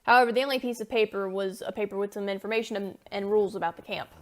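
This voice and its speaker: A woman narrating a scripted story in a brisk storytelling style. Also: medium pitch, steady tone.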